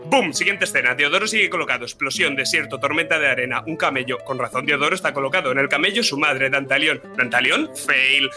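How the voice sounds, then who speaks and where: A man recapping a role-playing session in quick, clipped, telegraphic phrases, jumping in and out of character voices, over soft guitar music. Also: medium pitch. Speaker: player recapping the campaign. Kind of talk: rapid comic session recap.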